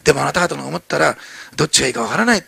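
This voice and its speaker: A man preaching a sermon as pastor in a church, animated and fast, acting out the voices in his story with many fillers. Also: fairly high pitch, vocal fry, slightly rough, dry recording.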